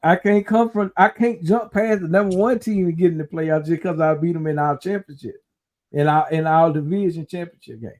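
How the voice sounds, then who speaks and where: A man's voice: on the high side, fairly quick, soft background music. Rambling man chatting casually. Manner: relaxed, rambling, talks through his uncertainty. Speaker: podcast host. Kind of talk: casual chat.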